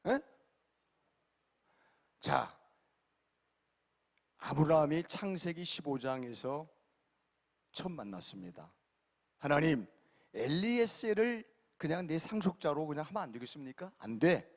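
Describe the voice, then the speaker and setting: A male pastor preaching an emphatic sermon, repeatedly questioning his congregation and swinging between loud and quiet. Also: on the high side, big pitch swings, unhurried, pauses often. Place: large church sanctuary. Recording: long hall reverb.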